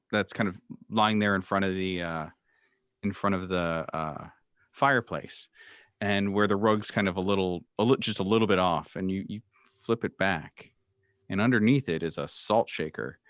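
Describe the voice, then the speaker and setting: As game master of a tabletop horror game, a man with a low voice describes scenes hesitantly and tentatively. The recording is dry, rather dull and lo-fi with no room sound, though his tone is fairly bright.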